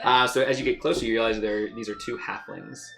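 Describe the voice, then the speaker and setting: A woman's voice: very deep voice, steady tone, fairly quick. A woman narrating as game master of a tabletop game, loose and chatty.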